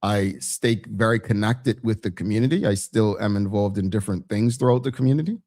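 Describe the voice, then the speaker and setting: Bermudian-accented male host, mellow voice. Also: on the low side, fairly quick. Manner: rhetorical questions, addressing the audience directly. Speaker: talk show host. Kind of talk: conversational audience discussion, reading out comments.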